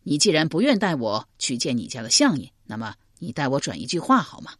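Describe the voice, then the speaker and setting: A woman voicing a proud, burly male herdsman who speaks in a measured, aloof way. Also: low voice, very animated, no room sound, clean studio sound.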